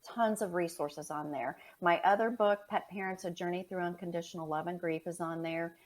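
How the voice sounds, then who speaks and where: Woman, podcast guest, lively storyteller, voices the people she quotes, slightly low pitch. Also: normal speed. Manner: animated, acts out quoted dialogue. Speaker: pet loss specialist guest. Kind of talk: conversational storytelling.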